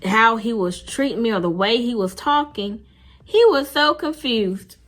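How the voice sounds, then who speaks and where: A woman's voice: on the high side, animated, measured pace, noisy background. Blunt, emphatic woman vlogger. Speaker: vlogger telling a dating story. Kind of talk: casual storytime monologue.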